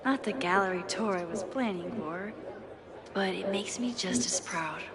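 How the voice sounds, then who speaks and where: A woman's voice: medium pitch, normal speed, close to an everyday voice. An actress voicing a wry, thoughtful young woman in a story game, speaking dialogue and inner monologue in a dry tone. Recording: game audio with loud noise and crowd.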